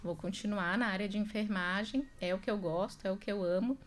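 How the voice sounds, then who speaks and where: A woman in her thirties from Brazil, a nurse guest on a radio show, telling her story in an earnest, measured way in the studio. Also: mid-range voice. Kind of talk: radio interview. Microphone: studio microphone.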